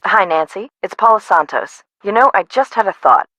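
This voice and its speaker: An actress voices a frazzled, no-nonsense woman who runs an amusement park in a video game, delivering scripted lines in a dry, conversational, matter-of-fact way tinged with regret. Her voice is medium in pitch, bright and pushed, with lively intonation and a moderate pace, on a muffled recording with no room sound.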